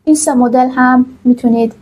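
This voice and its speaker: A woman's voice: sits high, steady tone, a little mellow, low-quality recording. Persian-speaking woman teaching English. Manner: explains slowly with many fillers, says English examples slowly and carefully. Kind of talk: online English lesson explained in Persian.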